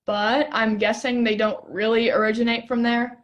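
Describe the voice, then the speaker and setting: A woman's voice: fairly high pitch, flat delivery, moderate pace, natural voice. A young woman acting a playful, curious stargazer in a stage play reading, teasing and eager. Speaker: actor in a rehearsed play reading.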